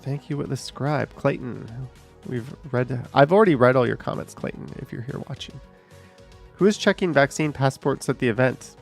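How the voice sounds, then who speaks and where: A man in his thirties works through viewer comments on a live stream, reading them aloud and tossing off dry asides. His voice has a gravelly, fry-edged texture at a middling pitch. Faint music plays underneath. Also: expressive, moderate pace. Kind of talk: casual live-stream chat.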